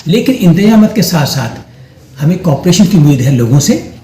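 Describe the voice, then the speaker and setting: Firm police officer with a mellow voice. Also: male voice, a little high, sing-song, normal speed. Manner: firm, warning. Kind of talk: official statement to press. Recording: roomy with faint noise.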